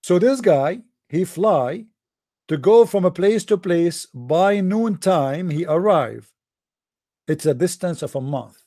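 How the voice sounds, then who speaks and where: Man, sarcastic deadpan commentary, high voice, dry close sound. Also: takes it slowly, no room sound. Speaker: host. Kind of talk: sarcastic commentary over a text.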